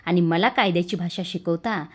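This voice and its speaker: A woman's voice: lowish voice, fairly quick, natural voice. A woman voicing a boastful, scheming man in a spoken recap of a TV serial. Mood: defiant. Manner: boastful and defiant.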